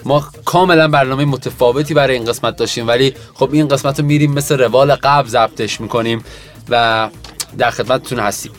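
A young man from Iran hosting a casual late-night radio podcast, chatty and relaxed with apologetic asides. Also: medium pitch, faint music behind. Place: home studio in Tehran at night.

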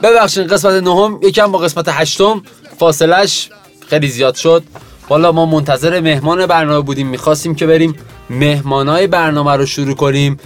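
A young man from Iran hosts a late-night podcast in a casual, chatty way, talking a little higher than most men. He drifts into relaxed, apologetic asides, with soft music faint in the background. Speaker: radio podcast host. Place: home studio in Tehran at night.

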